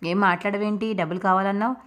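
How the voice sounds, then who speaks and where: A woman's voice: mid-range voice, steady tone, quick pace, a bit bright, lightly acted. Woman reading as a stern older moneylender, curt, scornful, dismissive.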